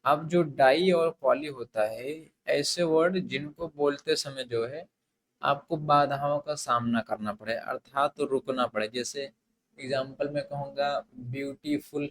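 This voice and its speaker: A man's voice: mid-range voice, unhurried, fairly bright tone, rough recording. A man teaching an English grammar lesson, mixing Hindi and English in a hesitant style with many fillers and restarts. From India.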